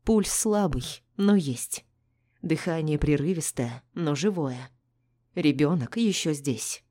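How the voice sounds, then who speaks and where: A woman narrating a novel in the first person in a measured, tense manner. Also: low-pitched, expressive, dark tone. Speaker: audiobook narrator.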